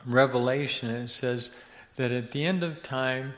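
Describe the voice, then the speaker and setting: A man's voice: mid-range voice, measured pace, fairly bright tone. An older man from Ecuador tells a long story as an interview guest, wandering and searching for his words. His voice sits in a mid range. A long hall reverb trails every phrase. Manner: rambling, searches for words with many restarts. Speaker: guest, missionary's son.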